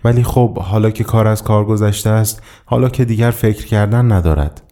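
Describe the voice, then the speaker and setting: A man reading a literary story aloud in a measured, somber first-person narration. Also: on the low side, dark tone. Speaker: audiobook reader.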